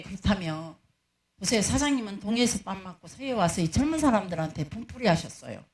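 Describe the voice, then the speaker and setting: A middle-aged woman, a pastor's wife preaching a storytelling sermon and acting out the dialogue she recounts. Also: medium pitch.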